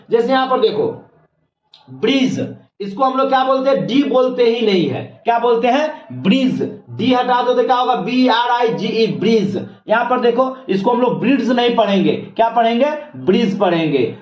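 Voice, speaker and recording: High-voiced male teacher in an echoey room. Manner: repetitive teacher, asks and answers his own questions, spells letters slowly. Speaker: English teacher. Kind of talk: classroom lesson explaining pronunciation. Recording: echoey room, slightly dull sound.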